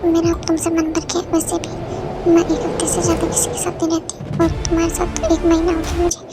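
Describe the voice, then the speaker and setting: A woman's voice: very high voice, completely flat delivery, brisk, heavy background noise. A woman doing a cold scornful young woman. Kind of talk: fan dub drama.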